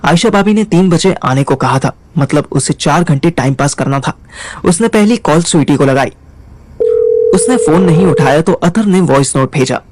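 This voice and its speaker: A man's voice: a little high, animated, moderate pace, darkish tone, a little hiss or hum. A young man narrating a first-person story in a wry, conversational way.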